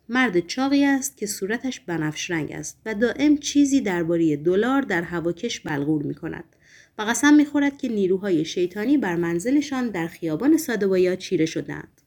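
Her voice mid-range and highly animated, a woman reads an audiobook passage as a fretful, nervous, gentle middle-aged man in a hospital bed. She gives him a quiet, fussy, reproachful way of talking.

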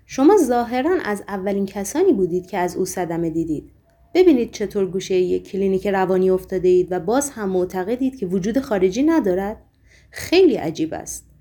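A woman voicing a weary, sorrowful man who speaks calmly, earnestly and apologetically. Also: mid-range voice, close to an everyday voice. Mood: calm, sad.

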